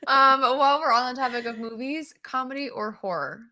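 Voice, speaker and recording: A woman hosting a podcast, firing off quick either-or questions and giggling between them. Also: sits high, bright, forceful tone. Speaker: podcast host asking questions. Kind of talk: casual chat.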